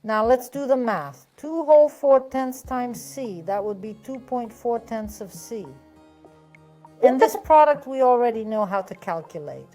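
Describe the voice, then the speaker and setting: A woman's voice: on the high side, expressive, measured pace, dark tone, faint music behind. A woman teaching a math lesson step by step, patient and methodical, often asking a question and then answering it herself.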